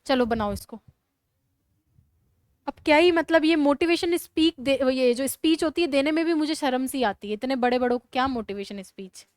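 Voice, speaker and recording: Brisk high-voiced woman teaching a class. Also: dry recording. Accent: Rajasthani Hindi. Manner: brisk, scolding, urges students to write fast. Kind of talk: classroom lecture.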